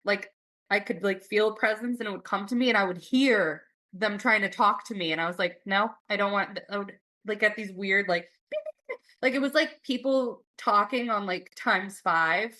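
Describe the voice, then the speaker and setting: A woman's voice: medium pitch, moderate pace, bright, forceful tone. A young woman hosting a podcast, chatting and telling stories in a rambling way, full of "like" and casual swearing. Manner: rambling, lots of "like", swears freely. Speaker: podcast host. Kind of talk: casual chat and storytelling.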